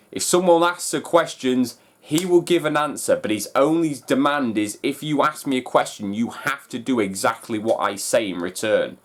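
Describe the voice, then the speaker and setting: With a medium-pitched, slightly bright voice, the host of a fan reaction channel talks casually through an excited trailer reaction and breakdown. He speaks with emphatic enthusiasm.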